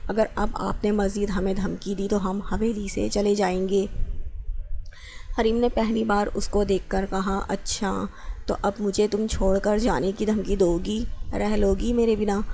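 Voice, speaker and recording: A woman's voice: mid-range voice, flat delivery, vocal fry, dark tone. A woman reading a romance novel aloud, voicing both the lovers' lines with little change in her voice. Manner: reads dialogue of both characters with little change of voice.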